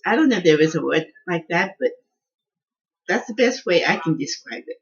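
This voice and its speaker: A woman's voice: on the low side, very animated, normal speed. A woman home cook in a casual cooking video, chatting as she tastes and often restarting her words. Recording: dull lo-fi sound.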